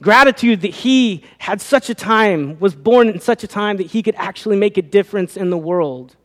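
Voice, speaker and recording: Guy preaching a sermon, pretty high voice, big hall echo, keeps asking the crowd questions. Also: moderate pace. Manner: rhetorical questions to the congregation, rising and falling delivery. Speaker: pastor. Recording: long reverb of a hall.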